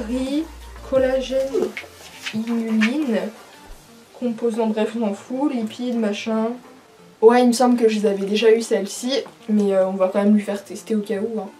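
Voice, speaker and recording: A young woman chatting casually as she unboxes a monthly pet box, chatty and full of fillers and excited asides. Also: on the high side, normal speed, soft background music. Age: young adult.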